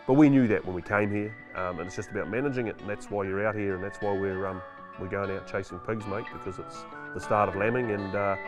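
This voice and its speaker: Deep voiced kiwi farmer bloke, broad nz accent, casual matter of fact explaining, bit of music behind. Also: male voice, quick pace, hardly any pauses. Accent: New Zealand. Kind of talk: casual explanatory talk to camera.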